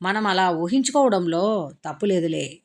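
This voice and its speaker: A woman's voice: on the low side, expressive, normal speed, darkish tone. A woman reading a story aloud, voicing a teasing, blunt young woman who pokes at her friends with probing questions.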